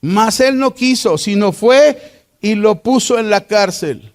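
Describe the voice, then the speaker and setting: Mexican man teaching a Bible lesson, unhurried, keeps asking the class questions. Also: high-pitched, animated. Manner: deliberate, asks the class rhetorical questions.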